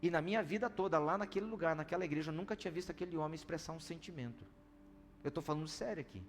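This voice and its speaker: A man preaching a sermon as pastor, telling a story in an animated way that swings between loud and hushed. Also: a little high, racing, a little hiss or hum. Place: church service hall. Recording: reverberant church hall with soft music.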